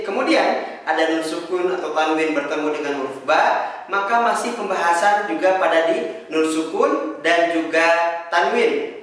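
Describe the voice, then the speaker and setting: High-voiced Indonesian man over-enunciating in heavy echo. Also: a bit bright. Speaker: Quran reading teacher. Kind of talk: instructional lesson with chanted examples. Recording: very echoey room, distant microphone.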